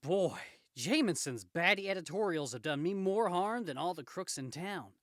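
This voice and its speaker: A man's voice: high voice, animated, normal speed, a bit bright, no room sound, clean studio sound, pitched above the performer's own voice. A man voicing a wisecracking comic-book superhero, cocky and aggrieved, in a theatrical, quippy manner. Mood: aggrieved, complaining. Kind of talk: comic book read aloud in character.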